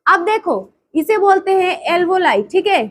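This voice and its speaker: Very high-pitched woman teaching. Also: expressive, normal speed. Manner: repeats terms and quizzes the class. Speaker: drawing teacher. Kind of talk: classroom drawing lesson.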